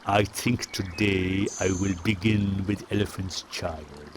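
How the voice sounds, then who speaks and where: Man putting on a hushed low crocodile voice, sneaky and hungry, storybook. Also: unhurried, noisy background, natural voice. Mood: sly menacing. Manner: low hushed menacing through the teeth. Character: sly hungry old male crocodile.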